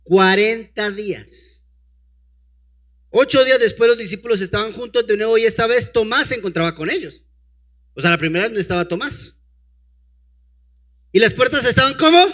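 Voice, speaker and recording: Bright high-voiced male preacher. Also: animated, normal speed, long pauses. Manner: peppers reading with rhetorical questions to the congregation; calls out to a helper to advance the slides. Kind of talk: sermon with scripture reading.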